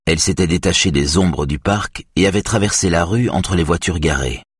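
A man narrating an audiobook in a measured, even way. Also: low voice, slightly rough, no echo, studio quality. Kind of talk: scripted narration.

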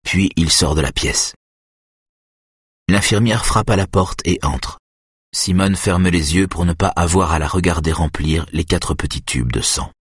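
A man reading a suspense novel aloud in measured, even narration. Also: deep voice, slightly rough, dry recording, studio quality. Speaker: audiobook narrator. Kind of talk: scripted narration.

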